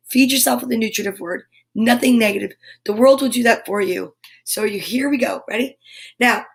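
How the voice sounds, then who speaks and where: A middle-aged woman hosting a live story time, talking in an upbeat, encouraging way about positive affirmations. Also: on the high side. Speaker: children's story time host. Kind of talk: live-streamed casual pep talk.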